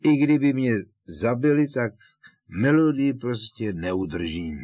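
A man voicing an elderly, fussy and sentimental potions teacher in an audiobook, talking in halting, emotional bursts. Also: mid-range voice, animated, warm tone, no echo, pitched above the performer's own voice, close to an everyday voice. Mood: maudlin.

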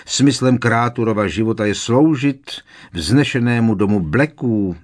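A man's voice: medium pitch, pitched above the performer's own voice, lightly acted. A man voicing a bitter, servile old male house-elf who mutters to himself, read as an audiobook character. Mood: muttering, resentful. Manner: muttering under his breath.

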